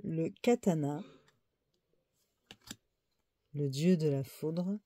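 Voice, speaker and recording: A woman who reads oracle cards, slowly listing the card names one by one and unsure how to say some of them. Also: sits low, dark tone, dry recording. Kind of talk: slow card-deck walkthrough.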